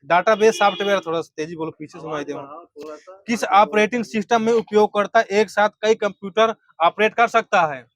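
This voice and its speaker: A man teaching a class, firing quiz questions at students and briskly confirming or correcting their answers. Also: high voice, fairly bright tone.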